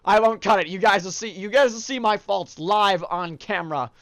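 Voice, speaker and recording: Sitting high in pitch at a moderate pace, this young man hosts a game video, his nose stuffy from allergies. He keeps the let's-play commentary upbeat and chatty, full of fillers and shout-outs, on a dry recording.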